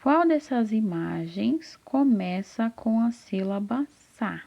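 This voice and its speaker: A woman teaching literacy to first graders in a slow, patient lesson, sounding out syllables and answering her own questions. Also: a little high, expressive, gravelly, warm tone. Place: classroom with a whiteboard. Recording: slightly dull, lo-fi sound.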